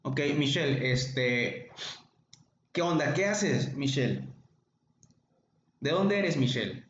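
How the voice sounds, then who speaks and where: A man with a Mexican Spanish accent gives an informal online medical class, chatting, joking and calling on students by name. His voice is medium in pitch, expressive and slow. The room recording is echoey, dull and lo-fi.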